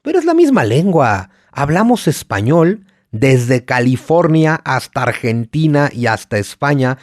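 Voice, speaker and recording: Passionate Mexico City man, animated. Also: mid-range voice, unhurried, no room sound, studio quality. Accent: Mexico City Spanish. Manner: passionate and emphatic, lists points with rising energy. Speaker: guest historian. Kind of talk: podcast interview.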